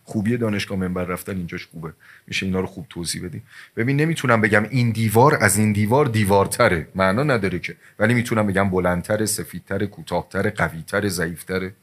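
A man preaching a sermon, telling stories with sudden rises and drops in pitch and loudness, and speaking directly to his listeners as dear ones.

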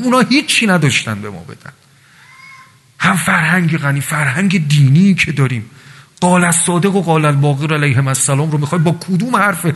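A man delivers an animated religious sermon, weaving stories and voiced asides into his talk. His voice sits a little high and sounds husky. A long reverb from a large hall trails after his words. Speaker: preacher.

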